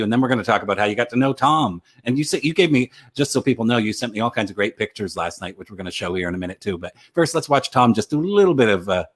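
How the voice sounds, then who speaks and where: A man's voice: fairly low pitch, a bit bright. A man hosting a casual interview, asking eager questions and laughing often. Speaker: interview host, author.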